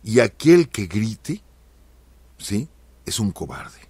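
A man quoting a sly, cocky 19th-century Mexican general in a calm, scheming way, close to his own voice. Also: on the low side, slow, husky, no echo, exaggerated voice.

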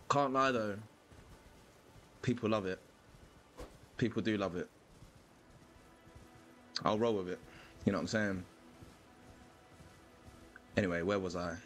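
A man with a London accent chatting casually and rambling as he live-streams a video game, dropping slang now and then. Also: low-pitched. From London, England.

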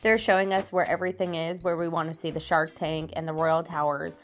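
Female travel vlogger, lower-pitched voice, casual and chatty narration, music underneath. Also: level tone, fairly quick. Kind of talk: casual vlog narration over travel footage.

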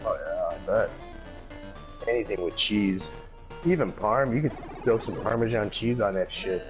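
A man's voice: on the low side, measured pace, music in the background. A man co-hosting a gaming channel, chatting casually and rambling with restarts and easy laughs. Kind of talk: casual chat. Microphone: headset or desk mic.

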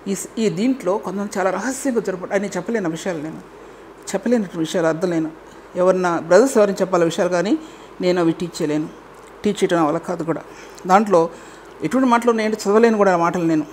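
A woman's voice: fairly low pitch, fast talker, darkish tone, slight background noise. A woman preaching a sermon and closing in prayer, earnest and repeating key phrases for emphasis.

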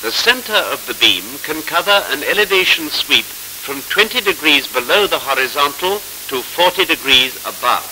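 Fairly high-pitched and animated, with a bright, forceful tone, a man narrates a 1940s training film. His delivery is formal, measured and explanatory, and the old soundtrack is scratchy.

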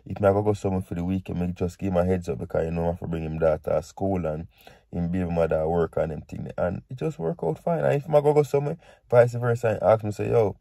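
A man's voice: deep voice, steady tone, fast, gravelly, mellow, dry recording, clean studio sound. A man with a Jamaican accent talking casually to viewers as a vlog host, explaining things conversationally and often checking that they follow. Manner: conversational, repeats points and checks in with "right?" and "you see".

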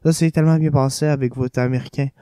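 A man's voice: medium pitch, steady tone, quick pace, mellow, clean tone, dry recording, natural voice. A man voicing a chatty, giddy young woman who gushes about her singing. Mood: gushing. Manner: chatty, gushing.

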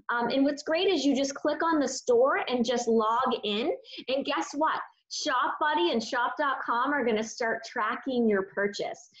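Woman doing a screen share tour, kinda high voice, chatty with lots of ums, muffled lo-fi webcam sound. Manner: upbeat, chatty, frequent "um" and "you know". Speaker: online shopping presenter. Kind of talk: screen-share website walkthrough.

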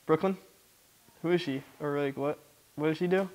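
A man's voice: a little high, moderate pace, darkish tone, poor audio. A young American man chatting casually for a vlog in a joking, slangy way. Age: young adult. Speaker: vlogger.

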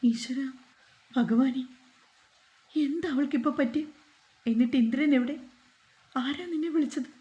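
A woman's voice: sits high, a little slow, long pauses, dark tone, dull audio, pitched above the performer's own voice. A woman voicing an older grandmother who weeps and prays in fear for her family. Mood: tearful, pleading. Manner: wailing, praying, pleading.

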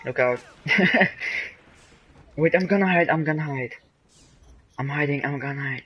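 A man's voice: fairly high pitch, fairly quick, husky. A man giving casual commentary while playing a game on a livestream, often exclaiming as he reacts. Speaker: streamer.

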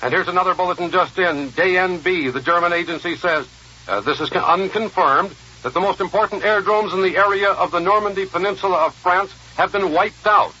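A man's voice: high-pitched, fairly quick, pushed and bright, husky. A man reading urgent war bulletins as a radio news announcer in a newsroom studio, with an old 1940s radio broadcast sound and a formal delivery. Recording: dull lo-fi 1940s radio archive.

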